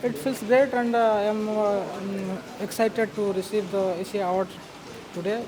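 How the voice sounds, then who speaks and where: A man's voice: sits high, steady tone, normal speed, a crowd in the background. A man from India with an Indian English accent, speaking hesitantly with many fillers as an award winner. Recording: noisy crowded event.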